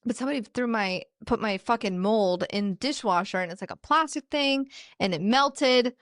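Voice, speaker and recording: A woman's voice: fairly high pitch, moderate pace, a bit bright, no echo, studio quality. A woman being interviewed as a business founder, chatting casually and candidly, swearing freely and laughing often. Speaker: guest, dessert business founder. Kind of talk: casual podcast chat.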